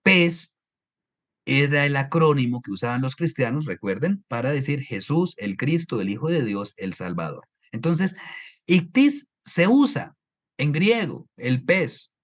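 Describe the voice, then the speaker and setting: Colombian guy teaching an online bible class, explains slow and keeps asking "right?", computer mic. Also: mid-range voice, very animated. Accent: Colombian highland Spanish. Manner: explanatory, asks rhetorical questions and checks understanding. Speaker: Bible course lecturer. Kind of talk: online lecture with slides.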